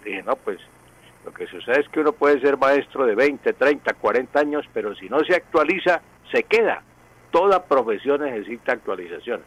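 A man, a language professor explaining pronunciation on a radio segment in a slow, didactic way, drawing out syllables. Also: medium pitch, animated, breathy edge, highs cut off. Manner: didactic, slowly spelling out pronunciation.

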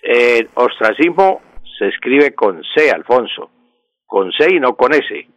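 A man answers listeners' spelling questions on air and walks through each rule patiently, often repeating it. His voice sits at a middle pitch. The broadcast sound is dry and slightly dull. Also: animated, dry recording. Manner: measured, explanatory, repeats key points. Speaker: language expert on a radio show. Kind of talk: radio Q&A on spelling.

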